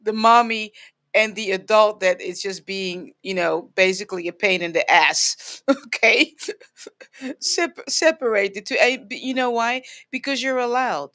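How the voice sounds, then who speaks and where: A woman's voice: mid-range voice, measured pace, pushed and bright. A woman hosting a live sound healing session, counseling a caller in a reassuring way, laughing often and repeating phrases for emphasis. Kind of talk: live spiritual counseling chat.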